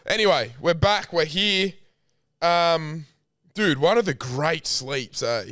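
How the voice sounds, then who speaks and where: A man's voice: a little high, animated, slow, a bit bright, dry recording, studio quality. A young Australian man co-hosting a podcast, easygoing and sweary in casual banter. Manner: laid-back, sweary banter. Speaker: podcast co-host. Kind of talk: casual chat.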